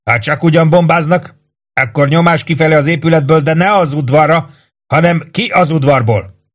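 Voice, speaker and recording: A man's voice: a little high, pitched above the performer's own voice, close to an everyday voice. A man acting a bellowing army first sergeant. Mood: commanding, shouting. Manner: barks commands, curses, loud and emphatic.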